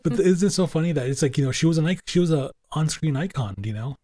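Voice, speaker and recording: A man's voice: fairly high pitch, animated, fast talker, dark tone, no echo. A man co-hosting a casual podcast, rambling and filling his talk with "you know" and repeated words. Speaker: podcast co-host.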